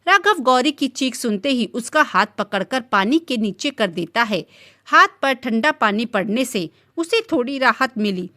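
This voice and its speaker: A woman narrating a romantic story in an expressive, steady storytelling manner. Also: a little high, no room sound, clean studio sound.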